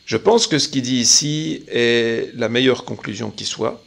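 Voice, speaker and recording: A man giving a measured, opinionated spoken commentary on current affairs, pausing often. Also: medium pitch, gravelly, a bit bright. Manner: measured, opinionated, with frequent pauses. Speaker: political commentator.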